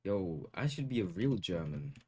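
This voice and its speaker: Young man, lowish voice, hyped slangy gameplay commentary for his channel. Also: sing-song, moderate pace, warm tone, slightly rough. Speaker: gaming YouTuber.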